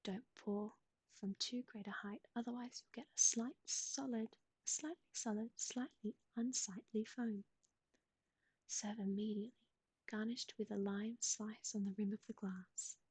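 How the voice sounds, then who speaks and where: A woman whispering recipes in a soft ASMR style, close to the mic, with gentle asides to a pet. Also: mid-range voice, fairly even intonation, a little slow, husky, no room sound, rough recording. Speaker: ASMR streamer.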